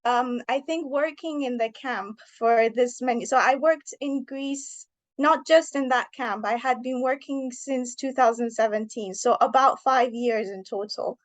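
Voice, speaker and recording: Woman, 30s, from Iran, author, earnest, thoughtful, slightly high voice. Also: a little slow. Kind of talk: interview answers.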